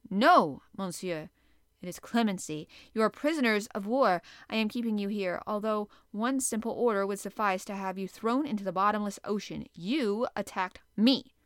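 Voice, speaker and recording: A woman reading aloud, voicing a stern, proud male sea captain who speaks coldly and forcefully. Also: medium pitch, no room sound, studio quality, natural voice. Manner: cold, measured, forceful.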